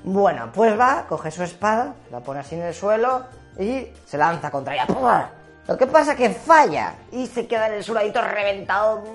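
A woman's voice: medium pitch, expressive, normal speed, soft background music. A Spanish woman from Spain telling history in a playful, slangy comic style, dropping in English catchphrases. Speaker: history vlogger.

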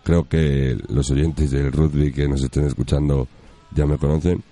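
A man's voice: rumbling low, level tone, unhurried, mellow, faint music behind. A male radio sports show host, chatting casually and asking his guest question after question. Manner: asks questions, interrupts with short remarks. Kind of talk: casual radio chat and interview.

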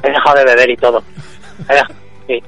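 Guy stumbling over his words on a radio bit, bright voice, faint music behind. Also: medium pitch, flat delivery, lo-fi sound. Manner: halting, repeats himself, laughs through it. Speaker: phone-in guest. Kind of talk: comic radio bit, mock grief.

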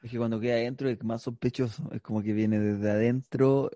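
Mellow-voiced Chilean man, dry sound. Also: mid-range voice, steady tone, dry recording. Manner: profane, mocking, quick comebacks. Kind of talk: crude comic banter.

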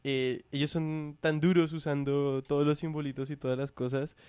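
Guy on a podcast, kinda high voice, smooth and clear, talks things out at length. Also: level tone, moderate pace, a little mellow, no room sound. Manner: explains at length, thinking aloud. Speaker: podcast co-host. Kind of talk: casual podcast chat.

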